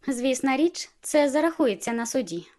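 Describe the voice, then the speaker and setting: A woman's voice: sits high, lively intonation, moderate pace, warm tone. A woman voicing a friendly, cheerful young woman in an audiobook, talking in a playful, teasing way.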